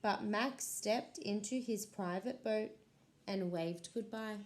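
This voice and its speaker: A woman, a school librarian, reading a picture book aloud to children in a slow, expressive voice. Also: mid-range voice, a little hiss or hum.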